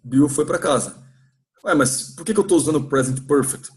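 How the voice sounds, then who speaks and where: Brazilian man teaching an English class. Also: on the high side. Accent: Brazilian Portuguese. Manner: slow, drawn-out model phrases for repeating. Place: church classroom.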